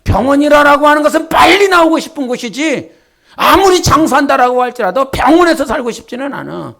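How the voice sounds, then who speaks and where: A middle-aged male pastor preaching in a church, talking to the congregation in a conversational way, with quiet asides and loud emphatic calls. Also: very high-pitched, sing-song, fairly quick, gravelly. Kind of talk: sermon. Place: church sanctuary.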